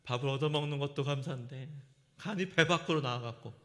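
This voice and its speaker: A man's voice: medium pitch, brisk, bright, forceful tone. A middle-aged man preaching a sermon as a pastor, telling a personal story and acting out the lines he quotes. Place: church sanctuary. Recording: long church-hall reverb.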